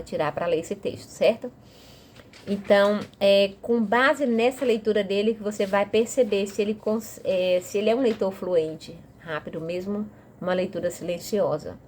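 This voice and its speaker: A woman's voice: medium pitch, a little mellow, a little hiss or hum. A woman with a Brazilian Portuguese accent explaining a reading method to parents in a casual, chatty way, often checking in with tag questions. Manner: chatty, frequent tag questions, talks straight to the listener.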